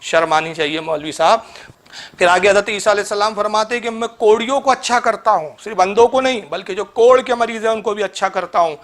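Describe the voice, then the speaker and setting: A man's voice: high voice, fast, fairly bright tone. A man giving a polemical religious lecture, reproachfully addressing his opponent and chanting Arabic verses. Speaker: Islamic cleric.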